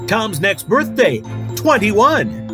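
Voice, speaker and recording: A man acting as a despondent local radio host calling bingo in a high, swooping voice. He stretches out each number and adds a wry, rambling tag, with music behind him. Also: sing-song, full character voice. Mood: wry, showy. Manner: calls numbers with drawn-out rhyming tags and wry asides. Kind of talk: bingo caller on a comic local radio show.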